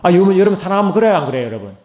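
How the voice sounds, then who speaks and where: A middle-aged man preaching a sermon as pastor. He swings between loud, high, rising calls and low, hushed asides, and keeps asking the congregation questions. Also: sing-song, rapid-fire. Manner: asks the congregation many questions. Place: church sanctuary. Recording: roomy church echo.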